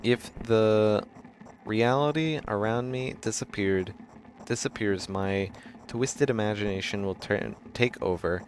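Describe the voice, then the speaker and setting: A man streaming a game, reading its narration aloud in a halting way, stumbling and correcting himself, now and then breaking into loud dramatic shouts. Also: on the low side, slight background noise. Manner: halting reading with frequent restarts and self-corrections.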